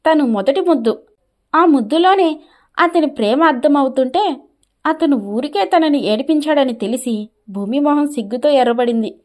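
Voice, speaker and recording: High-voiced woman narrating a story.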